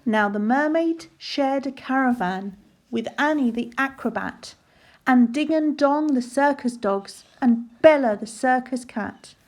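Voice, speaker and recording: A woman narrating a rhyming children's storybook aloud in a measured, sing-song way. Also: high-pitched, darkish tone.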